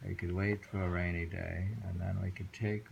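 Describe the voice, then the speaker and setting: Reading poetry and chatting casually from his New York City home on a rainy day, this reader and host muses with chuckles and hums. He speaks at normal speed in a low, creaky, darkish voice with a level tone. The audio has cut-off highs and a slight hiss or hum.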